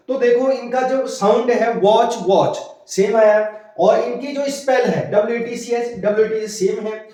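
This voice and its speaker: Male grammar teacher, high voice, very roomy echo, walks through each point with self-answered questions. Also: a little mellow. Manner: explains step by step with rhetorical questions. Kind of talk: classroom-style lesson. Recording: very echoey room.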